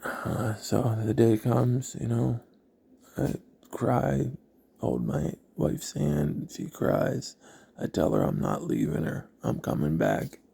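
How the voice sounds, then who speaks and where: Gravelly slow-talking man, halting. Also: medium pitch, big pitch swings, mellow. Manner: halting, reflective, many pauses. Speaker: vlogger. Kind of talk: personal storytelling.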